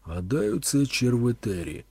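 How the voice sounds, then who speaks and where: A man's voice: medium pitch, sing-song, unhurried, vocal fry, warm tone, breathy edge, dry recording, heavily acted. A male reader voicing a stern monk who speaks curtly and cautions others. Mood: explaining. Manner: curt, cautioning, dismissive.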